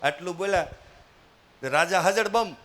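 A man's voice: high-pitched, normal speed, fairly bright tone. A man telling a folksy story at a live motivational talk, acting out characters and prompting the audience to answer. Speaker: motivational speaker.

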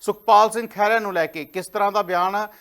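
A male news anchor giving a crisp, measured wrap-up of a story. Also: sits high, steady tone, fairly bright tone.

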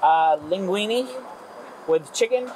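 A playful man talks casually at a lakeside campsite, his voice bouncing up and down in pitch. The camera audio is noisy, with outdoor sound and a dog around him. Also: lively intonation, slow, a little mellow. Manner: playful, joking. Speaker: vlogger on a camping trip. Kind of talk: casual chat. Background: outdoor ambience, dog.

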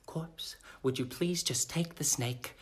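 A man switching impression voices, playing a chatty, exasperated middle-aged mother in an expressive comedy sketch. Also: on the high side, slow pace, husky.

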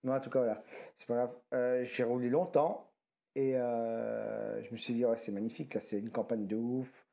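Man, tired, casual haul commentary, rambling, slangy, dark mellow tone. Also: medium pitch, steady tone, moderate pace, gravelly. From France. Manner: rambling, self-correcting, slangy. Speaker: retro game collector vlogger.

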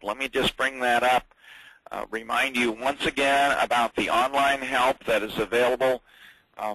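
Bright-voiced man leading a software webinar. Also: mid-range voice, breathy edge, no echo, poor audio. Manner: chatty, halting with fillers and restarts. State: hiccups. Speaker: software trainer. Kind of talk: webinar training.

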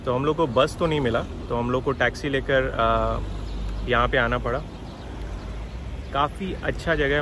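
Chatty man from Bihar narrating outdoors. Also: mid-range voice. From Bihar, India. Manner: chatty, explanatory, frequent filler hesitations. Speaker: travel vlogger. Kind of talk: casual walking-tour narration. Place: outdoors on a hillside road by the coast. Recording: outdoor street noise with passing traffic.

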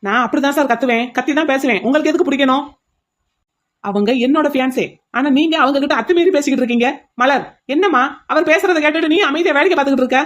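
A woman voicing a loud, indignant young man who is the fiancé in a cartoon. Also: a little high, rapid-fire, natural voice.

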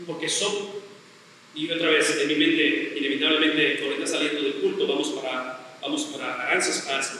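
A man's voice: on the high side, sharp tone. Emphatic preaching man in echoey hall. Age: middle-aged. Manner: emphatic, repeats phrases, asks rhetorical questions. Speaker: pastor. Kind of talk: sermon. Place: church sanctuary. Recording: very echoey church hall, voice from far off, faint noise.

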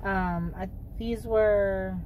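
Young female vlogger, raspy smoker-like voice, mid-pitched, rambling casual review style, recorded in a car with faint noise. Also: fairly even intonation, drawn-out words, lo-fi sound. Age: young adult. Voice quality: raspy, hoarse smoker-like rasp. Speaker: vlogger reviewing beauty products. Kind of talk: casual chat to camera. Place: inside a parked car.

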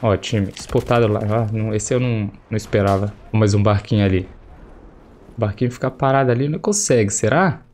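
On a headset, a young streamer with a Brazilian Portuguese accent narrates his own gameplay, slangy and chatty, exclaiming as things happen, his voice slightly affected as he recovers from a cold. It's on the low side, darkish and a little fast, with faint music plus distant game gunfire and explosions.

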